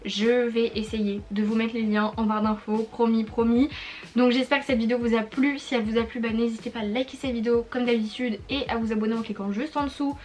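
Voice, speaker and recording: A young woman with a slightly high voice talks through her purchases for her vlog audience. She rambles easily, filling her sentences with hesitations and restarts in a relaxed, casual way. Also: brisk. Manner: chatty, rambling with many fillers and restarts. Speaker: YouTuber. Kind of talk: casual product review vlog.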